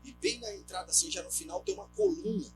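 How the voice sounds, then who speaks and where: A man's voice: sits high, fast talker, poor audio. A male pastor with a Brazilian accent preaching a sermon, telling a story and asking the congregation rhetorical questions. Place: church. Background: soft guitar music.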